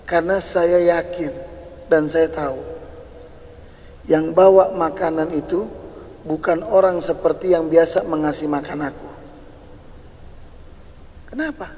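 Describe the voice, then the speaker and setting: A man preaching a sermon, telling a story in an animated way and repeating key words for emphasis. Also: a little high, measured pace, long pauses. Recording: reverberant hall.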